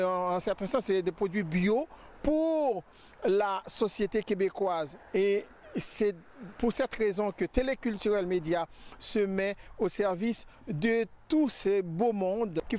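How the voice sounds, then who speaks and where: A male field reporter with a high, clear voice. He talks slowly and haltingly, feeling his way through an unscripted report. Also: darkish tone. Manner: halting, hesitant phrasing. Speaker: TV reporter and interviewer. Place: outdoors on a farm.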